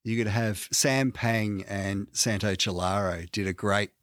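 An Australian man co-hosting a casual comedy podcast, pitching ideas in an animated way and laughing often. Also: measured pace, no room sound. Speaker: podcast co-host.

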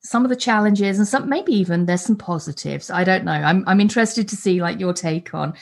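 A woman's voice: medium pitch, fairly quick, gravelly. A woman hosting an interview podcast, chatty and friendly, often restarting her sentences. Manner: warm, chatty, with many restarts. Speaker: podcast host. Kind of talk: casual interview chat.

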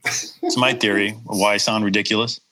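Speaking briskly in a fairly low, sharp voice with little pitch movement, a middle-aged guitarist from Wisconsin chats casually. His slight Upper Midwest accent comes through as he rambles self-deprecatingly with frequent restarts. The recording is rough.

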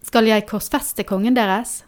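A man voicing an anxious, imperious Roman governor in a dramatic scripture reading, with a raised, sharp, questioning manner. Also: high-pitched, steady tone, pitched above the performer's own voice, close to an everyday voice. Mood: tense.

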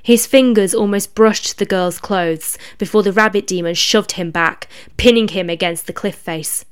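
A woman narrating a dark fantasy story in a steady, even reading voice. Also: medium pitch, normal speed, clean tone.

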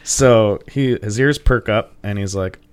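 A man with a fairly low voice co-hosts a chatty podcast. He swears freely and keeps breaking into laughter while he paraphrases the story in a jokey, irreverent way. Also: unhurried, clear, resonant tone. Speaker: podcast co-host. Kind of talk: casual irreverent recap chat.

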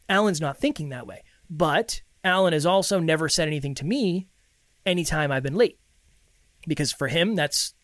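Male podcast host, life-coach delivery, slightly high voice, close dry sound, emphatic with deliberate pauses. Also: no echo. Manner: life-coach delivery, addressing listeners directly. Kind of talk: motivational self-improvement podcast talk.

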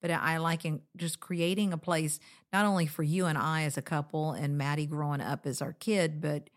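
A woman's voice: deep voice, steady tone, normal speed. A middle-aged woman co-hosting a casual, reflective conversation, with frequent conversational asides. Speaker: co-host of a marriage show.

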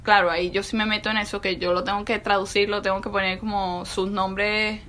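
A woman's voice: mid-range voice, flat delivery, a little fast, sharp tone. A woman in casual chat, speaking earnestly and personally with many fillers.

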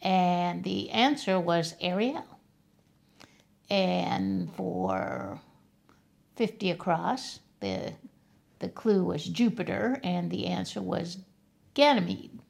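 A woman co-hosting a casual podcast chat about a crossword, unhurried and matter-of-fact. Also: lowish voice, creaky, a little mellow. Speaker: podcast co-host.

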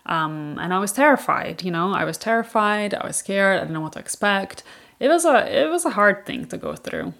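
A woman's voice: mid-range voice, very animated, moderate pace, gravelly, fairly bright tone. A woman from Ireland hosting a podcast, telling a personal story in a candid, chatty way with plenty of fillers. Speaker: podcast host.

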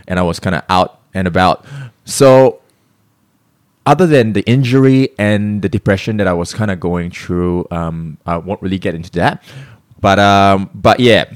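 Speaking low and smoothly, this Singaporean personal trainer in his thirties chats as a guest in a casual interview set in a hotel room. He rambles, corrects himself and laughs at times, and the recording is dry with clean studio sound.

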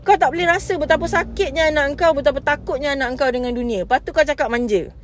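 A Malaysian woman in her thirties carries her podcast alone, her high voice charged with anger and frustration. She switches freely between Malay and English and keeps calling her listener babe. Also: quick pace, slight background noise. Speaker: podcast host. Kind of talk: impassioned podcast monologue.

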